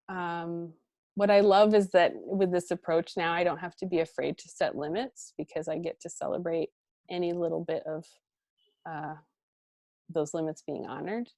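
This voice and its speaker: Animated woman guest, laughing often. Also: fairly low pitch, no echo, clean studio sound. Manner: warm, animated, laughs often, many fillers. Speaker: guest speaker, parent coach. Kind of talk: conversational interview.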